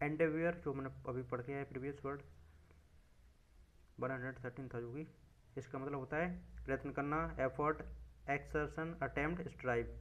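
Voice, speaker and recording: A man with an Indian accent reading English vocabulary lists slowly and explaining the words in quick Hindi asides. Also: medium pitch, steady tone, poor audio. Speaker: exam vocabulary teacher.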